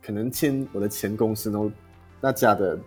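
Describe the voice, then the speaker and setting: A man's voice: fairly low pitch, brisk, darkish tone, husky, faint music behind. A man from Malaysia, chatting casually as a podcast guest. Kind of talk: casual chat.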